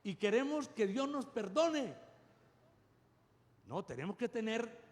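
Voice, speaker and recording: Animated preacher with a high, swooping voice. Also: male voice, slow pace. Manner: animated, keeps asking the congregation "yes or no?". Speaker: pastor. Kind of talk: sermon. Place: church. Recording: long church reverb.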